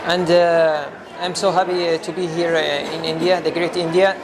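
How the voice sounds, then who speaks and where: Man from saudi arabia, slightly high, halting simple words, far from mic, loud crowd. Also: flat delivery, noisy background. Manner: halting, simple phrasing with many fillers. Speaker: competition participant. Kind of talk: on-the-spot interview. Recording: distant voice, loud crowd in a hall.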